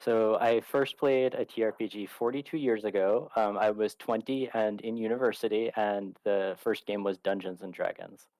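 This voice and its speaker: A man working as an interpreter, giving a translation voice over of an interview in a rapid, matter-of-fact way. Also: fairly low pitch, fairly even intonation, darkish tone, dry recording, low-quality recording. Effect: translation voice over, interpreting the other speakers' words. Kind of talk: live consecutive interpreting for an interview.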